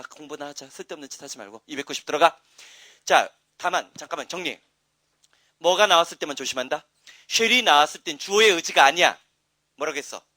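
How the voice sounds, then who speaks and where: Guy teaching english grammar, rambly asides, gets loud and punchy on the rules, bright voice, very dry sound. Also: a little high, no echo. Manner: rambling, chatty asides with frequent "응?" checks; loud, emphatic when explaining grammar. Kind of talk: classroom lecture.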